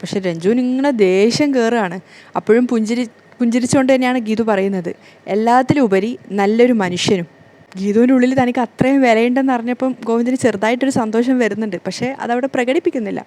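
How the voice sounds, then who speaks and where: Woman narrator for a serial recap: a higher voice, rapid delivery, lively retelling with quoted lines. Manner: quick, animated storytelling, voicing lines of dialogue.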